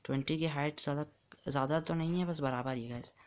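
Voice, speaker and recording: A man with a slightly high voice chats casually while playing a block-building game, counting blocks out loud as he builds at a quick pace over a noisy background.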